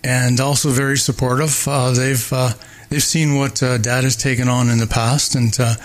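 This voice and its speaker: An older man from Barbados who is running for mayor has a mid-range voice with little pitch movement. In this interview he answers haltingly, with many pauses, fillers and restarts.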